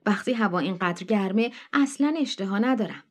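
A woman voicing Jinny, an unwell, withdrawn woman who speaks quietly and reluctantly. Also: medium pitch, lively intonation, close to an everyday voice.

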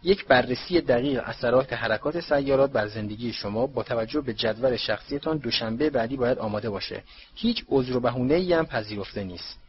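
A man voicing a dreamy, theatrical woman teacher of divination with an affected, drawn-out manner. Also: medium pitch, lo-fi sound, slight background noise, lightly acted. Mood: stern. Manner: affected, drawn-out, calls people dear.

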